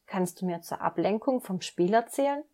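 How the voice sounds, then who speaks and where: A woman's voice: mid-range voice, normal speed, close to an everyday voice. A woman voicing an eager, stubborn little boy duckling in a children's story, speaking earnestly. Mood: pleading. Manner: earnest and excited.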